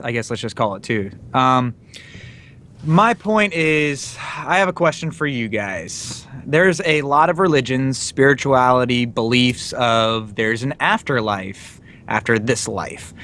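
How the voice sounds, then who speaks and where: A man chatting informally as a panelist on an online show, in a conversational style over a group call. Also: fairly bright tone. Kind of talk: casual discussion. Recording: noisy, low background rumble.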